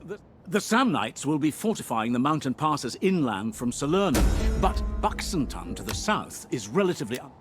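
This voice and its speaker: A man's voice: medium pitch, big pitch swings, normal speed, over music, natural voice. A man playing an authoritative Roman advisor in a video game, narrating in a formal, instructive, theatrical manner. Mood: grave counsel.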